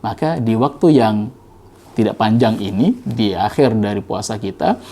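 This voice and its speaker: Mellow-voiced man preaching gently. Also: on the low side, moderate pace, slight background noise. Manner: gentle, conversational preaching with lively storytelling. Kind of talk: Ramadan religious talk with storytelling.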